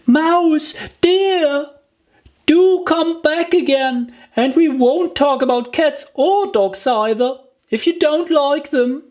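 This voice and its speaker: A woman's voice: high-pitched, takes it slowly, darkish tone, pitched above the performer's own voice. A woman voicing a polite, curious young girl in a children's audiobook, earnest and chatty in manner. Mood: coaxing.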